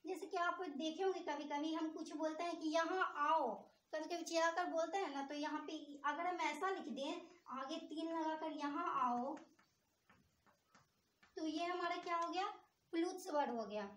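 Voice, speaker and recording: A woman teaches a grammar lesson in a very high voice, stopping often to quiz her students and then giving the answer herself. Her voice rings around a bare, echoey room. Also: moderate pace. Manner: asks the class questions and answers them herself.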